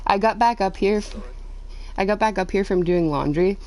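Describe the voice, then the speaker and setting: A woman's voice: medium pitch, normal speed, a little mellow, low-quality recording. A woman streamer, out of breath, ranting casually to her chat on a headset mic and acting out quotes as she tells a story.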